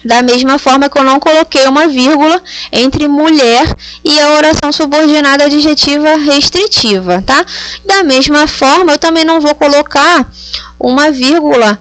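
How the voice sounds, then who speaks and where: A woman's voice: sits high, moderate pace, a bit bright. A woman teaching grammar, explaining patiently and checking understanding with frequent tag questions. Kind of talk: explanatory lesson.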